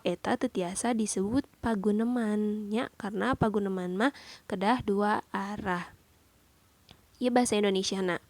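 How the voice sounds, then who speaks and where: Slow, deliberate woman teacher. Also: fairly high pitch, dry recording. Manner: explains each point then repeats it in a second language. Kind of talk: classroom lesson explanation.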